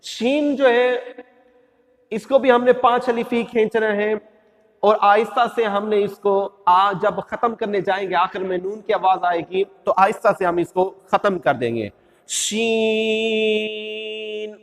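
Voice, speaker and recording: High-voiced man teaching Quran letters. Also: in a large hall. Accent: Pakistani Urdu. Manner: patient, repeats rules, draws out letter sounds. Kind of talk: step-by-step recitation lesson.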